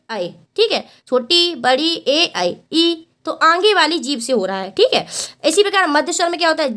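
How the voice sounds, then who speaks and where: Teaching Hindi for an exam, a woman speaks in a high, bright, forceful voice. She poses questions to the class and then answers them, repeats every point, stretches vowels out as demonstrations, and frequently addresses students as "beta".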